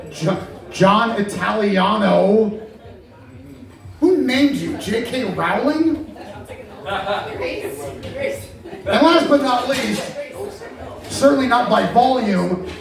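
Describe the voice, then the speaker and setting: Male comic, wry roast toast, unhurried, mic far off in an echoey hall full of laughter. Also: high-pitched, vocal fry, crowd noise. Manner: wry, teasing, playful sound effects. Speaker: comedian roasting colleagues.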